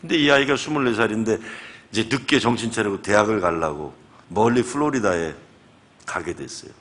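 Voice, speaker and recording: A man's voice: lowish voice, fairly quick. A man in his fifties, a guest pastor, preaching a revival sermon and acting out the conversations in his stories. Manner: animated storytelling, acting out conversations. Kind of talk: revival sermon with retold dialogue. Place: church sanctuary.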